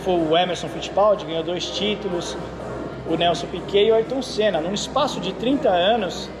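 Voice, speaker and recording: A man's voice: high voice, fairly quick. A Brazilian man, a racing driver and instructor, chatting casually in an interview and telling stories with frequent check-in questions. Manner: animated storyteller, frequent "entendeu?" tags.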